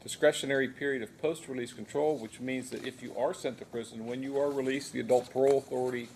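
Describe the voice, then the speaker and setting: An American man speaking as a judge, formally and procedurally questioning a defendant in a measured way with occasional hesitant pauses. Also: medium pitch, fairly even intonation, a little mellow. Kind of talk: formal plea hearing questioning. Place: courtroom. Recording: noisy courtroom recording.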